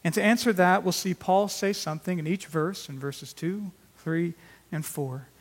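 A man's voice: high-pitched, normal speed, slightly rough, in a large hall. A man preaching an earnest sermon as pastor, with emphatic rises in volume on key words.

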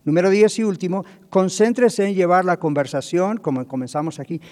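A man's voice: high-pitched, brisk, darkish tone. Man, pastor, sermon, acts out quotes, checks in with listeners, long hall echo. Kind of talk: sermon on marriage communication.

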